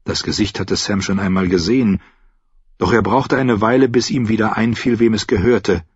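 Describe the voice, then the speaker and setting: A man reading an audiobook in a measured, calm narrating style. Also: lowish voice, slightly rough, no echo, lo-fi sound. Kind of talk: scripted narration.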